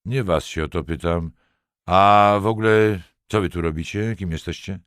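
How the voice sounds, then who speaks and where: A man's voice: low-pitched, moderate pace, fairly bright tone, clean tone, no room sound, clean studio sound. A man voicing a stern, suspicious police officer who questions sharply.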